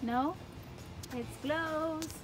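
A woman chatting and giggling while filming a tour of a railroad museum and train yard on a handheld phone. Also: high-pitched. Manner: giggly, playful, quick exclamations. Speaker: vlog co-host filming the tour. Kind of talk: casual chat while touring. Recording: background music under the voice.

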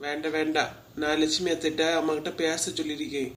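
A woman's voice: sits low, flat delivery, fast, a little hiss or hum, natural voice. A woman voicing a firm but caring village woman in a cartoon, speaking with a Kanyakumari Tamil accent. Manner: firm, scolding, consoling. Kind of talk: cartoon voice acting.

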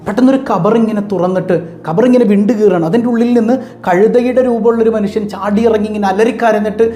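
High-voiced preacher telling stories. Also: male voice, warm tone. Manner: storytelling, repeats phrases for emphasis. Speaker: Islamic preacher. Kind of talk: motivational religious talk.

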